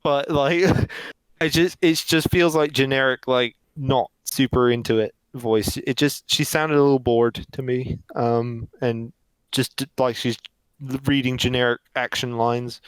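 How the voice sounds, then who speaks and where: A man co-hosting a casual film review podcast, animated and opinionated, often laughing. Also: medium pitch, measured pace, clean tone, dry recording, rough recording. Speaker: podcast co-host.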